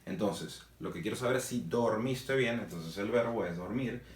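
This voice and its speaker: Low-voiced male teacher who walks through a grammar lesson with rhetorical questions, recorded from a distance in an echoey room. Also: moderate pace. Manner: explains step by step, asks himself rhetorical questions. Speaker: English teacher. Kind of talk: Spanish-language grammar lesson.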